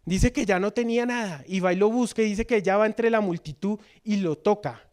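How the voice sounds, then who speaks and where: A Colombian man preaches a sermon in church, reading scripture and putting questions to the congregation. His voice sits high and moves briskly, shifting between loud and soft.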